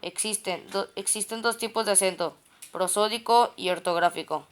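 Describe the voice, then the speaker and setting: Woman, clear smooth voice, reads grammar notes aloud term by term, stumbles and restarts often. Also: mid-range voice, moderate pace. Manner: reads a list of terms and definitions, with frequent restarts on words.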